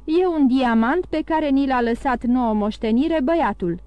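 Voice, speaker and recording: A woman's voice: high-pitched, dark tone, clean tone, no room sound, voice pushed up, natural voice. Woman voicing a grumbling greedy innkeeper. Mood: scheming. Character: greedy, wavering old male innkeeper.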